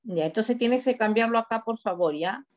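A teacher with a fairly high-pitched voice speaks at a moderate pace, offering direct corrections on student work during online class feedback and giving instructions step by step. The video call audio sounds dull and lo-fi.

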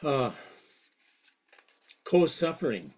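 A man giving an earnest, reflective faith talk at a parish session, reading quotations aloud with halting restarts. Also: fairly high pitch, big pitch swings, darkish tone.

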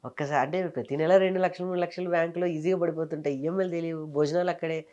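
A man in his thirties from Telangana, a comedian and mimicry artist, telling his career story in a casual interview with fast, animated delivery. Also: a little high, highs cut off. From Telangana, India.

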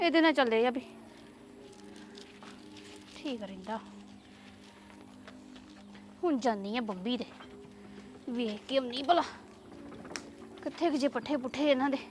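Woman acting high-pitched, dramatic grumbling village woman. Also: a little slow, long pauses, a little hiss or hum. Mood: chatty, determined. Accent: Punjabi. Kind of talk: amateur Punjabi family web drama.

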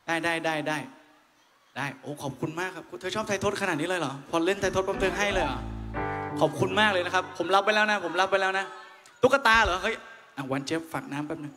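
A man's voice: high-pitched, quick pace, sharp tone. A young man, a singer on a mall stage, playfully teasing and joking with his crowd between songs. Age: young adult. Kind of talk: live stage banter with a crowd. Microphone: handheld stage mic through PA. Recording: reverberant live venue, faint music.

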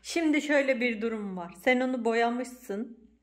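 A woman hosting a casual home vlog, talking to viewers and her daughter in an animated, exclamatory way, with a playful scolding tone. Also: fairly high pitch, moderate pace, crowd noise. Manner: switches to a cooing baby voice for the cat. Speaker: vlog host and mother. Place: home indoors.

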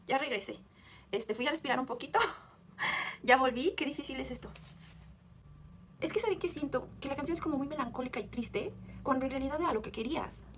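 A woman's voice: sits high, lively intonation, brisk, long pauses, slight background noise. A Mexican woman vlogger, upset and agitated, talking bluntly and swearing while reacting to a song. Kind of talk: emotional video confession.

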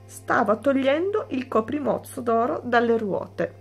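A woman teacher reading a children's story aloud, slow and clear. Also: fairly high pitch, expressive, soft background music.

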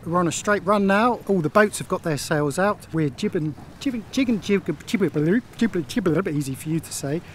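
On the deck of a sailboat, a sailing vlogger in his fifties chats casually to the camera through a small clip-on mic. His voice is high-pitched and brisk, with hardly any pauses, and a faint hiss or hum sits under the audio. The commentary is relaxed and chatty.

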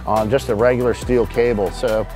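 This middle-aged host, a charter fishing captain, explains equipment in an informal, technical product walkthrough outdoors on a boat roof at a marina. He speaks at normal speed in a mid-range voice with a level tone, over music.

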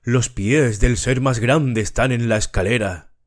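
Solemn disembodied ceremonial voice, as a man reads it, slow, intoning, audiobook. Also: medium pitch, natural voice. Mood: hushed.

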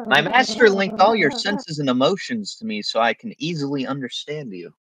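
A man's voice: a little high, expressive, moderate pace, a bit bright, dry recording. A man voicing an eager magical boy doll who wants to be a best friend, reading game dialogue in a jokey way. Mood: helpful. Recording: clearly noisy microphone with clicks.

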